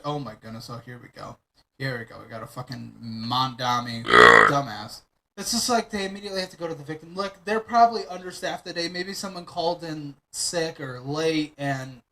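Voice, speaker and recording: Bright, lively man giving blunt reaction commentary. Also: a little high, low-quality recording. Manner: blunt, sarcastic, swears freely. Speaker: streamer reacting to a video.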